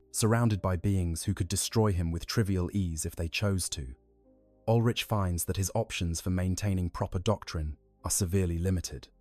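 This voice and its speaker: A man giving measured, scripted story narration. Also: low-pitched, darkish tone, dry recording. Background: faint music.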